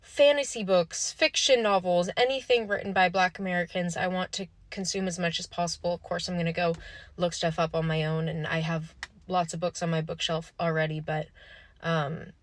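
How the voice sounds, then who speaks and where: A woman's voice: on the low side, fairly even intonation, normal speed. A woman talking straight to her viewers in a vlog, impassioned and emphatic, swearing for emphasis. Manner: earnest, addresses viewers directly. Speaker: vlogger. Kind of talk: direct-to-camera vlog monologue.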